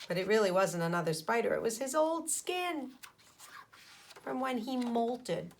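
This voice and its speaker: An elementary school teacher reads a children's book aloud, her fairly high voice full of lively intonation over a faint hiss or hum. She teaches as she goes, pausing to explain things and quiz her young listeners.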